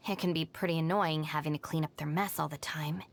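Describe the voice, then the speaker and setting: Deep-voiced and brisk with fairly even intonation, the actress performs scripted lines as a composed, self-reliant young woman in a video game. She sounds dry, unruffled and matter-of-fact, with background music behind her.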